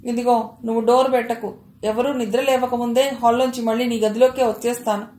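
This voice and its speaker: A woman reading aloud and voicing a suspicious, sharp-tongued older mother-in-law who scolds and accuses, with a slightly high voice in a roomy space. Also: little pitch movement, a little fast, a little hiss or hum, natural voice. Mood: scolding. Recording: roomy echo.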